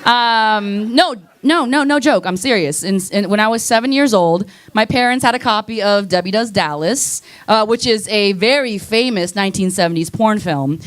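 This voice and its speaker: Her voice mid-range and moderately paced with hardly any pauses, a young woman performs rambling stand-up in a comedy club. She swears casually, loses her place, and laughs at her own slips in a self-deprecating way.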